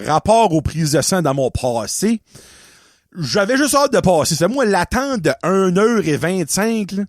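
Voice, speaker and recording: Acadian french guy on his podcast, goes way up and down, high voice, laughs a lot, mixes in english. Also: no room sound, studio quality. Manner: animated, laughs often, mixes in English words. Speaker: podcast host. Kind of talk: casual storytelling monologue.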